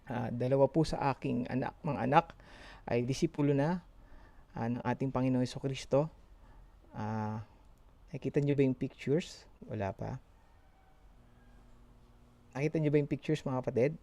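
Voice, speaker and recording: A middle-aged Filipino man giving an informal, halting sermon, his speech slightly slurred from a swollen mouth after having a tooth pulled. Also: medium pitch, creaky, dark tone. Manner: halting, hesitant. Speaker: church member giving a short sermon. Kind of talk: informal sermon in mixed Tagalog and English.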